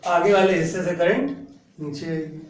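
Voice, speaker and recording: A man teaches physics in a classroom and walks through each point step by step, often checking that his students follow. His voice sits high for a man. The room is echoey and he sounds a little away from the mic. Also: normal speed. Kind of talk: classroom lecture. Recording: echoey room, voice a bit distant.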